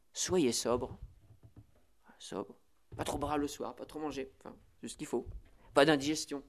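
Chatty priest explaining Latin prayers. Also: male voice, a little high. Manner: lively, chatty teaching peppered with "voilà" and "vous voyez"; reads Latin phrases slowly, then explains them. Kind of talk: spiritual instruction on the prayer office.

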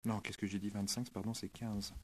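A male preacher giving a sermon, retelling a scripture story in a lively, dramatic way. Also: fairly low pitch, normal speed.

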